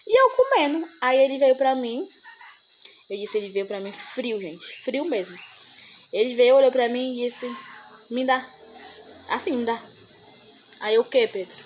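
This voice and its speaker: A woman's voice: fairly high pitch, slight background noise. A young woman, a mother chatting to viewers in a rambling, emotional way and often calling them "gente". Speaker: mother vlogging about her son. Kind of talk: casual chat to viewers.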